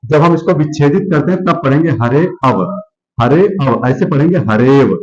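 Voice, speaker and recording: A man's voice: on the high side, expressive, fairly quick, muffled recording. A male teacher giving a grammar lesson, who repeats words and asks and answers his own questions.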